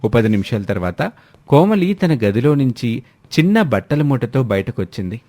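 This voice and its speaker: A man narrating a family story in a steady, expressive storytelling manner. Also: mid-range voice, normal speed.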